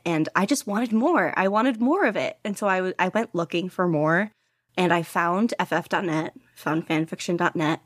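A giggly young woman rambles through a casual podcast interview, her speech full of "like" fillers. She's a fan fiction writer appearing as a guest from her bedroom at home, and her lowish voice comes through clean and dry, like a studio recording.

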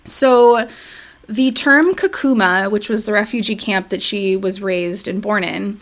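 In a relaxed, unhurried way, a podcast co-host retells a life story, her mid-range voice full of fillers.

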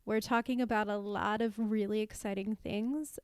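A woman co-hosting a podcast, speaking in an upbeat, unhurried way. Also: medium pitch, fairly even intonation, smooth, no echo, clean studio sound. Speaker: podcast co-host. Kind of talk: casual podcast chat.

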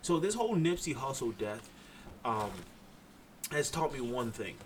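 A man from Haiti hosts his own podcast alone, speaking bluntly and with real heat. He swears freely and presses his listeners hard. His voice sits at a medium pitch over a faint background hiss. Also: very animated, unhurried. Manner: blunt, impassioned, profane. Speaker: podcast host. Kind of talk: solo podcast monologue.

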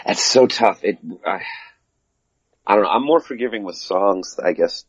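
A man with a very deep, husky voice makes dry jokes as a podcast guest. The sound is dull and dry, like a muffled video call. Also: animated, no echo. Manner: dry, joking, halting with fillers. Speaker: guest actor. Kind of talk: casual interview chat.

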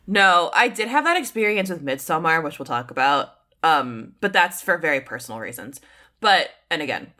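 Woman podcast co-host, lowish voice, very animated, candid and casual. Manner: candid, loose, swears casually. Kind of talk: casual chat about horror films.

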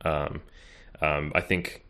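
Podcast guest: a man in his thirties with a very low voice, chatty and loose, full of ums and restarts. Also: little pitch movement, slow, sharp tone. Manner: rambling, many fillers and restarts. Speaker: podcast guest, bodybuilding coach. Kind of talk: casual interview chat.

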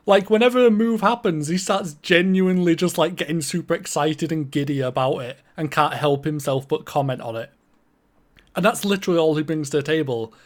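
Man explaining wrestling casually. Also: fairly high pitch. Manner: explanatory, knowledgeable, filler-heavy. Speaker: podcast co-host. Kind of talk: casual chat about wrestling.

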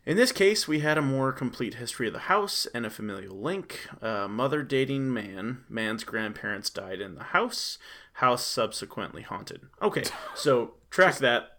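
A man's voice: mid-range voice, expressive, normal speed, pushed and bright. A man hosting a podcast, reading listener stories aloud and riffing on them in chatty, playful banter. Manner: chatty, laughs often, reads stories then riffs on them. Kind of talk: casual chat and reading aloud.

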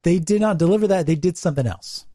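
A man's voice: high voice, quick pace, mellow, no echo, studio quality. A man co-hosting a casual gaming podcast, joking and rambling through stories.

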